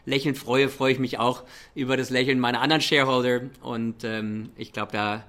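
A man's voice: medium pitch, level tone, brisk, fairly bright tone. A man who speaks German with a slight American accent, answering interview questions as an executive in a hesitant way, dropping in English business terms. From Germany and the United States. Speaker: airline chief executive.

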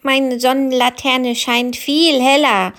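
A woman's voice: sits high, steady tone, takes it slowly, fairly bright tone, heavily acted. A woman voicing a boastful, grumbling little boy ladybug in a children's audio story.

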